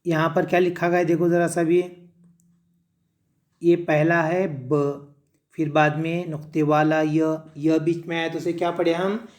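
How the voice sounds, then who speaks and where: A man teaching first graders to read, slowly sounding out letters and syllables one by one and blending them into words. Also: fairly high pitch, little pitch movement. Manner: slow, drawn-out syllable sounding for children. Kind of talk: first-grade reading lesson. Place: classroom.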